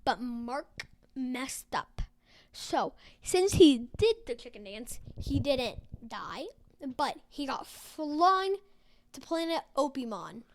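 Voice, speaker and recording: A woman's voice: high voice, very animated, slow pace. A young woman hosting a podcast, making up a silly story as she goes, rambling with fillers and restarts. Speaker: podcast host. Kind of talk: improvised storytelling chat.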